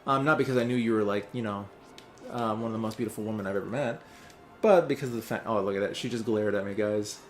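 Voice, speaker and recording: A man's voice: fairly low pitch, fast. A young man hosting a let's play, chatting casually while he plays, rambling and distracted, with many fillers. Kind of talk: casual chat while playing a game.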